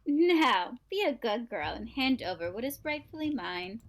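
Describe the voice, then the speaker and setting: A woman's voice: a little high, sing-song, moderate pace. A woman playing a menacing, smug witch mother in a visual novel dub, mockingly sweet and theatrical.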